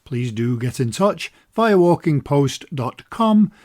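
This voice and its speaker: A man's voice: a little high, sing-song, slow pace, darkish tone. A man hosting a walking podcast, reading a news roundup with dry humour and then introducing his guest. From Scotland. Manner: upbeat, conversational, dry humour. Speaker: podcast host.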